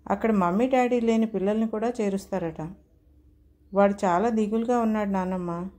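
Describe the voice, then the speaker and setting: A woman's voice: mid-range voice, fairly even intonation, fairly quick, warm tone, close to an everyday voice. A woman voicing a little boy who is tearful and worried about his parents. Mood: childlike tearful. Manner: sobbing childlike pleading.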